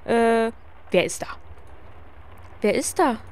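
A woman's voice: animated, slow pace, a little mellow, slight background noise. A woman voicing a young female composer who is anxious and overwhelmed, speaking in a strained, panicky way. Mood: puzzled. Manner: high, strained, panicked delivery.

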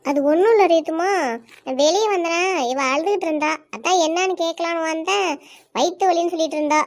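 A woman's voice: very high-pitched, a little fast. A woman voicing a harsh, bossy middle-aged stepmother who gives curt, impatient orders in a cartoon. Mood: covering up. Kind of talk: cartoon voice acting.

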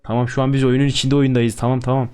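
A man's voice: medium pitch, level tone, racing, dark tone, clean tone. Young guy doing a let's play, crude jokes nonstop, music faint behind. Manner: crude, joking, swears constantly. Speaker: gaming YouTuber.

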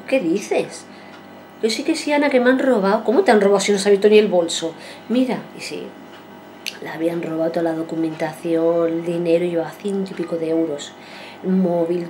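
A woman in her forties talks casually to her viewers, wandering through a story and circling back over the same points. She puts on the voices of the people she quotes. Her voice is warm and mellow, with a faint hum of noise behind her. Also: medium pitch. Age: 40s. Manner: rambling, repeats herself and acts out quoted speech. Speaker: vlogger.

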